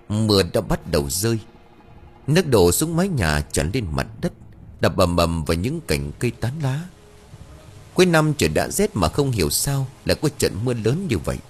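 A man narrating a scripted ghost story in a dramatic, expressive storytelling manner. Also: medium pitch.

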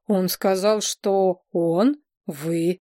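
A woman voicing a fussy elderly male ambassador, stern but soft-hearted, who stammers when upset and scolds gruffly. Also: lowish voice, steady tone, drawn-out words, no room sound, studio quality. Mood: shaken.

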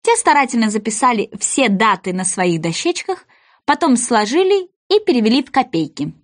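A woman narrating a children's storybook in a playful, expressive reading. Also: fairly high pitch, moderate pace.

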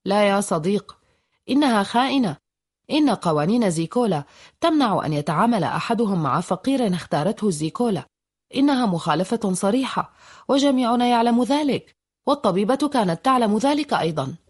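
A woman's voice: mid-range voice, expressive, brisk, a little mellow, slightly rough. A woman voicing an irritated, stubborn male laborer in a storybook reading. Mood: annoyed. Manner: grumbling, insistent.

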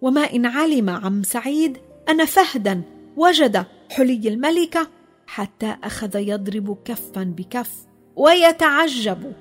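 A woman narrating a children's story, expressive and dropping low in the sad parts. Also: measured pace, faint music behind.

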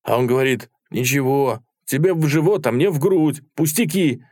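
A man's voice: medium pitch, quick pace, a little mellow, no echo, clean studio sound, voice pushed up, close to an everyday voice. A man reading aloud, voicing a tall, awkward soldier eagerly retelling a battle.

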